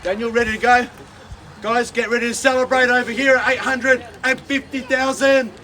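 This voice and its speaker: A man with an extremely high, level-toned voice calls a property auction outdoors on a residential street, speaking at a moderate pace with a bright, forceful delivery. As lead auctioneer, he projects emphatically to the street crowd and repeats each call.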